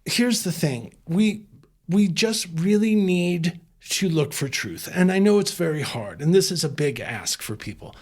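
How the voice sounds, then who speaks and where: A former chef turned humanitarian, guesting in a conversational interview, speaks in an impassioned, emphatic way and restarts often. His voice is high-pitched and expressive, slightly slow, with a darkish tone.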